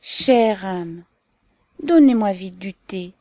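A woman voicing a lively young woman in a storybook reading, speaking in a childlike, plaintive way. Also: mid-range voice, slow, no echo. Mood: playful, plaintive.

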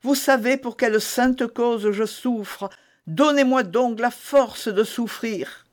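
A man's voice: extremely high pitch, slow, voice pushed up. A man reading an audiobook voices a desperate, scheming woman prisoner who pleads and prays in a tearful, theatrical way. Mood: praying tearfully.

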